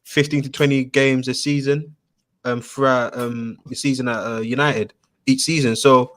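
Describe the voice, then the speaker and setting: A man's voice: medium pitch, little pitch movement, moderate pace, a bit bright. A man with a London roadman accent and slang-heavy street delivery, chatting casually as a podcast panellist. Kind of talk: casual chat.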